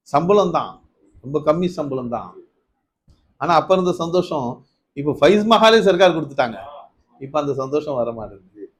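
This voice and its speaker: A man giving a Ramadan night sermon, telling stories, asking his listeners questions, rising to emphatic peaks and then dropping low. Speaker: preacher.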